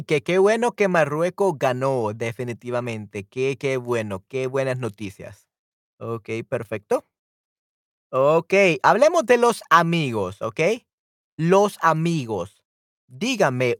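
A man teaches a live Spanish lesson online in a clean studio recording with no room sound, his voice expressive, a bit bright, and on the high side. He responds to viewers' comments by name, repeats explanations in English, and slows down to stretch out example words.

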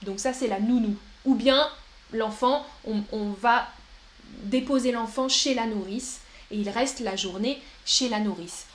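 A young woman teaches a live-stream language lesson with a light, high voice. She speaks slowly and clearly and repeats key words for her viewers. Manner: slow and clear, repeats words, puts on a babyish voice for examples. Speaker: French teacher.

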